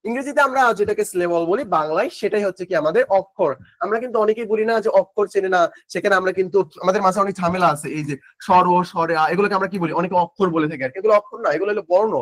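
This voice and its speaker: Young guy teaching exam prep, kinda high voice, super dry recording, mixes in english words. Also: fast, dry recording. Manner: asks questions and answers them himself, repeating key terms. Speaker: admission test tutor. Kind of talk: online exam-prep lecture.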